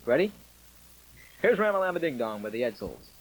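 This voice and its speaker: A man's voice: medium pitch, very animated, fairly quick. A man hosting a military radio show as an upbeat disc jockey, with jokey, ad-libbed, conversational banter. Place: small radio station studio. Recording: noisy 1960s radio broadcast tape.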